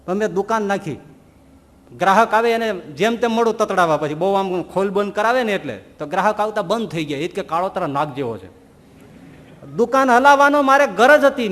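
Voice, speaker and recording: A man preaching a sermon, telling animated stories and asking rhetorical questions. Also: high voice, in a large hall. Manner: animated storytelling, rhetorical questions, voices quoted figures. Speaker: Swaminarayan preacher.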